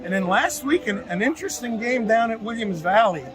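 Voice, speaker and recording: Brief: male football show host, high voice, analytical, music playing underneath. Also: lively intonation, a little fast, low-quality recording. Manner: conversational, analytical. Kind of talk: high school football preview and interview.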